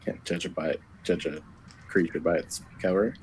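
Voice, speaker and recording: Brief: deep-voiced male tabletop player, hesitant and rambling. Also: fairly even intonation, normal speed, slight background noise, poor audio. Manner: hesitant, full of fillers. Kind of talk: playing a tabletop game.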